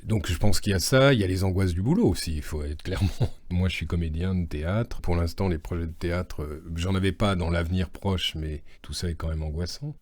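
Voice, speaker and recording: A French stage actor in his fifties chatting in an interview, unhurried and hesitant, with many fillers. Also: deep voice, a little mellow, no echo. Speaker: stage actor and voice-over artist. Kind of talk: casual interview chat.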